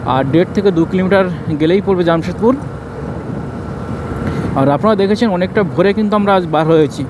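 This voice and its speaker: A man's voice: high voice, a little fast. A man casually narrates a travel vlog, explaining things informally. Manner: informal, explanatory, giving route advice. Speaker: travel vlogger. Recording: noisy outdoor road and vehicle sound.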